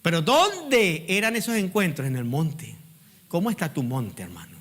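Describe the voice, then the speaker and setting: A middle-aged pastor delivers a sermon in a fairly high voice at normal speed, his pitch swinging widely. He calls on the congregation to repeat after him, moving between loud, emphatic peaks and quiet asides.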